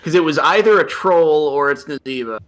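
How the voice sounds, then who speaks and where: Bright-voiced male podcast guest. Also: fairly high pitch, fairly quick. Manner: thinks aloud, self-deprecating. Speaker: podcast guest, esports writer. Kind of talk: casual chat.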